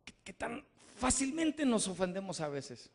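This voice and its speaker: High-voiced emphatic middle-aged preacher man. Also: sing-song, a little slow, creaky. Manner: emphatic, repeats questions, rises to shouting. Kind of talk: sermon to a live congregation.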